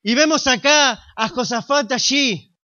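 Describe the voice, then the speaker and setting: A man preaching a sermon in a Rioplatense accent, slow and emphatic with dramatic pauses. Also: extremely high pitch, sharp tone. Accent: Rioplatense Spanish. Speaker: pastor. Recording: slightly dull lo-fi sound.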